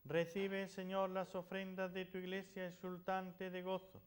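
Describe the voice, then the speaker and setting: Male priest, notably high voice, delivering formal Mass prayers. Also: monotone, measured pace. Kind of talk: liturgical prayer recitation.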